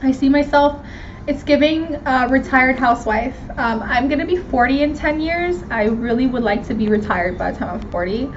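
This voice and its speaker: Answering viewer questions as host of her Q&A vlog, this Miami, Florida woman of twenty-nine speaks with an American accent, high-sitting voice, lively intonation, and normal speed. Her tone is casual, candid, slangy, and self-mocking, and the sound is dull and lo-fi with background noise.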